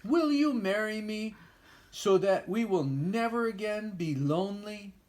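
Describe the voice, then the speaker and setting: A man's voice: high voice, animated, a little slow, darkish tone, voice pushed up. An older man with a grandpa voice voicing a timid, lonely, polite little male mouse in a storybook. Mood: tender.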